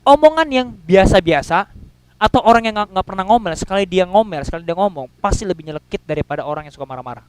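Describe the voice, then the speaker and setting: High-voiced man preaching. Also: lively intonation, fast talker, clear, resonant tone, dry recording, poor audio. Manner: casual slangy preaching with acted-out quotes and sudden loud and soft swings. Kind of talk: sermon.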